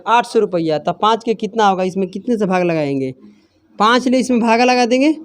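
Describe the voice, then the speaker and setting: A man's voice: sits high, darkish tone. A man teaching a maths class, who keeps asking his students questions and answers them himself. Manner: scolds students for laughing.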